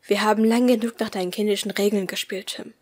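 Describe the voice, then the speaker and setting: A woman's voice: mid-range voice, steady tone, quick pace, a little mellow, close to an everyday voice. A woman reading a cold, mocking male captor.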